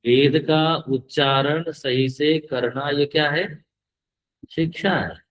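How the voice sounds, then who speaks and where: A middle-aged man leads a scripture class at a very slow, measured pace. He recites Sanskrit and stops often to correct how his students pronounce each word. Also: fairly high pitch, fairly even intonation, fairly bright tone, rough recording. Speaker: swami teaching scripture.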